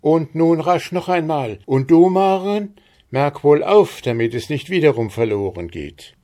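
A man's voice: mid-range voice, slow pace, dark tone, pitched above the performer's own voice, close to an everyday voice. A man reading the part of an old widowed mother in a storybook, lifting his voice for her urgent, anxious speech.

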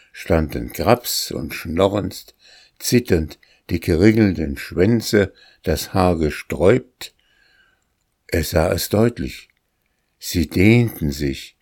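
A man reads a classic tale aloud at an unhurried, measured pace. His voice sits very low. The recording is dry and close, with no room echo. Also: darkish tone. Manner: measured, deliberate storytelling. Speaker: narrator. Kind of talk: audiobook reading of a classic tale.

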